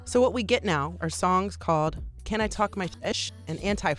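A woman's voice: fairly low pitch, normal speed, fairly bright tone. Woman radio host narrating over faint music.

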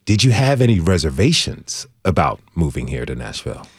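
A man's voice: low voice, sing-song, fairly quick, slightly rough, no room sound. A man hosting a public radio interview, asking easygoing and encouraging questions into a studio microphone. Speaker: radio show host.

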